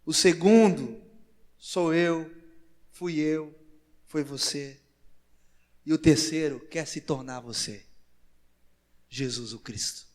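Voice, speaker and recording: A man with a Brazilian Portuguese accent preaching a sermon as pastor, in slow emphatic phrases that rise to loud exclamations. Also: a little high, steady tone. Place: large church hall. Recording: church hall with long reverb.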